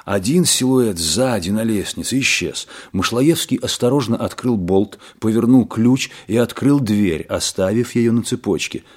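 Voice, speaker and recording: A man with a husky voice narrating an audiobook in even storytelling. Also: on the low side, unhurried, hardly any pauses.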